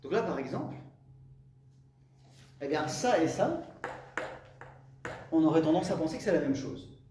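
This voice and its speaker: A man's voice: on the high side, animated, a little slow, warm tone. A man teaching a classroom lesson on Arabic letters, explaining step by step, repeating terms and checking in with his students. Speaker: Quran recitation teacher. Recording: roomy echo, distant mic, faint hum.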